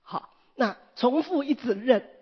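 Woman preacher, sermon, high breathy voice, animated storyteller, dull lo-fi recording. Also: unhurried. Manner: animated storytelling with wide pitch swings.

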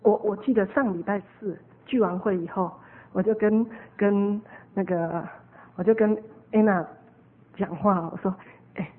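A woman giving an earnest, animated sermon testimony as a preacher. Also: medium pitch, a little slow. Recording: narrow phone-like lo-fi recording.

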